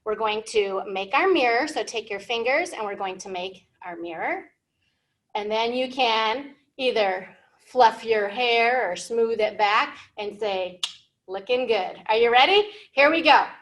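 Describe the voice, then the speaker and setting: Speaking a little slowly, with a slightly high, fairly bright voice and lively intonation, an American woman in her thirties hosts a library storytime. She sits at a whiteboard in an indoor room, asking young English learners questions in simple, encouraging, teacherly terms.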